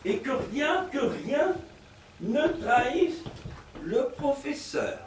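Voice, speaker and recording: A fussy, excitable professor who chases a little affair, as a man plays him on stage. He talks slowly in a high voice that swoops up and down, full of theatrical asides. The sound is roomy and heard from a distance across a stage, with a faint murmur behind. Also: a little hiss or hum, exaggerated voice. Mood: comic. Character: bumbling middle-aged male provincial professor, lecherous and fussy. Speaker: stage actor. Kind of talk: live stage comedy performance.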